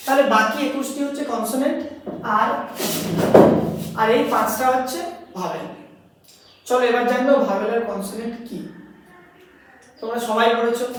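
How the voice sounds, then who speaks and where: A woman with a high voice teaches a grammar lesson, repeating each point and posing questions as she explains. She is recorded from a distance, sitting back from the mic in a very echoey room, with a little hiss or hum.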